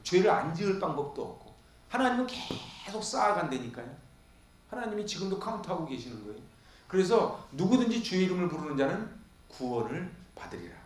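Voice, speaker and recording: A male pastor preaching an expository sermon, firing questions at the congregation and answering them himself. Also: sits high. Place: church sanctuary. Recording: echoey church hall.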